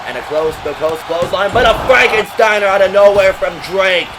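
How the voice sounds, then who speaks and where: Man, wrestling commentator, fairly high voice, exclamatory move-by-move calls, very noisy recording. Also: fairly quick. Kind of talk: excited play-by-play wrestling commentary. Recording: loud crowd and heavy arena noise. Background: noisy crowd.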